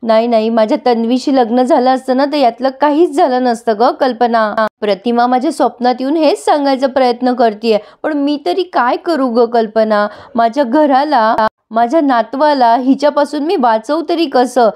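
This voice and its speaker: A woman's voice: high-pitched, moderate pace, hardly any pauses, a little mellow, natural voice. A woman voicing an anxious old grandmother who tearfully laments and blames her grandson's wife. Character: anxious grieving old grandmother, head of family.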